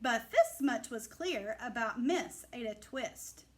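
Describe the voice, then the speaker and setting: Animated woman reading a children's storybook. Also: fairly high pitch. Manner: expressive, deliberate, emphatic phrasing for children. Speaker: storybook reader. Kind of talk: animated read-aloud of a rhyming children's picture book.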